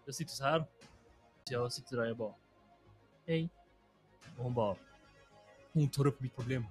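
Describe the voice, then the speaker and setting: A man's voice: mid-range voice, a little mellow, soft background music. A young man, a podcast host telling a long story in a rambling, slangy way full of fillers.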